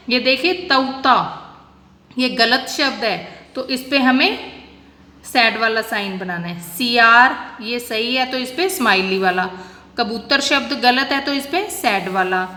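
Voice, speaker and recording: A woman teacher talks young pupils through a lesson, slowing down to spell out each word patiently. Her voice sits high and bright. The room is roomy and echoing, with a long reverb tail. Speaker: primary school teacher. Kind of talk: teaching a recorded class lesson.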